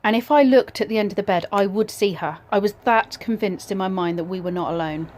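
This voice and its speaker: A woman's voice: medium pitch, brisk, a little mellow. Woman telling a personal story, hesitant and reflective. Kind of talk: personal ghost story told casually.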